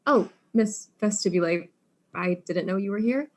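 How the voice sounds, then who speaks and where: An actress playing a polite but persistent female detective in a student audio drama, asking calm, probing questions. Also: mid-range voice, moderate pace, natural voice.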